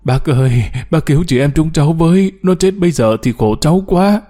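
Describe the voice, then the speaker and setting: A man's voice: brisk, natural voice. A man voicing a distraught young mother, wailing and pleading in grief in an audiobook. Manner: sobbing, pleading, high and loud.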